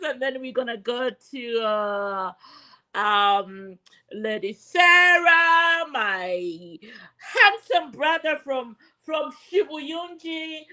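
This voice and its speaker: High, animated Zambian woman hosting. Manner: playful, teasing. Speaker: host. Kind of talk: casual live show hosting.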